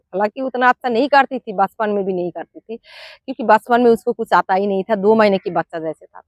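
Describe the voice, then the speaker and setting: A middle-aged woman, a mother, giving frank, down-to-earth parenting advice in a casual vlog, pausing often with "uh". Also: mid-range voice, no room sound. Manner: frank and down-to-earth, with many "uh" pauses.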